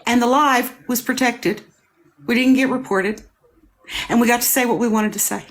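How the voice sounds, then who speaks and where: A woman's voice: fairly high pitch, fairly even intonation, normal speed. A woman hosting a live panel debate, making her points emphatically and repeating them. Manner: emphatic, repetitive, explanatory. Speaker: panel host.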